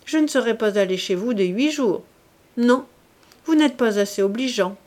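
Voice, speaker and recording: A woman's voice: fairly high pitch, animated, normal speed, a little mellow, lightly acted. A woman voicing a plump, complaining middle-aged lady who reproaches an old friend in a plaintive, wheedling tone.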